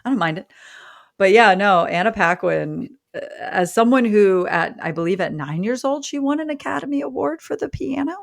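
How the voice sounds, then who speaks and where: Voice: medium pitch, lively intonation, normal speed, vocal fry, no echo, studio quality. A podcast co-host chatting casually about a film with a wry, sarcastic humor.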